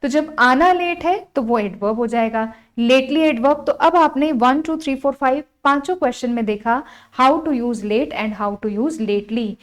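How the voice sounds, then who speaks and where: A woman teaching a grammar class with an Indian accent, her voice sitting a little high. She walks through each point step by step, asking the class questions and then answering them herself, as if talking at a board. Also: unhurried, few pauses. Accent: Indian English. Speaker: English teacher.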